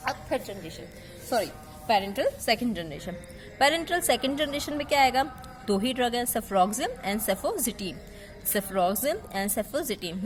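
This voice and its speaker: A woman teaching pharmacy in Hindi who explains memory tricks, repeats drug names slowly and keeps checking in with her students. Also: fairly high pitch. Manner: checks in with the listener, often asking "ठीक है"; affectionate, calls the student "बेटा".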